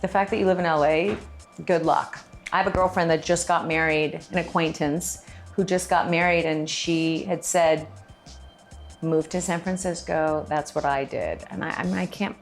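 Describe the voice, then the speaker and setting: A woman with a low voice talks freely as an interview guest. She is candid and chatty and often restarts her sentences. Soft music plays behind her. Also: steady tone, moderate pace, creaky. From Los Angeles. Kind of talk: casual interview chat.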